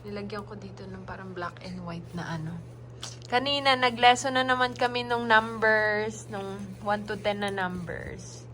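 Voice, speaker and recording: A woman's voice: mid-range voice, little pitch movement, moderate pace, sharp tone, a little hiss or hum. A young woman from the Philippines talking baby talk to her infant daughter at home, cooing and coaxing in a sing-song way. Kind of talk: casual baby talk, mixing Tagalog and English.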